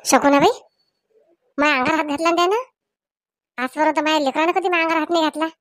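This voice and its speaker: A woman playing a loud, quarrelsome village woman, scolding and accusing. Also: sits high, steady tone, fast, no room sound, studio quality. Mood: furious. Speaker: comic skit character.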